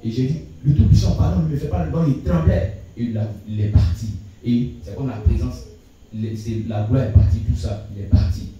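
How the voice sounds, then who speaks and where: A man giving a church testimony, telling it in an animated way with many repetitions and stammers. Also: mid-range voice, moderate pace, muffled recording. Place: church hall. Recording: echoey church hall mic from a distance.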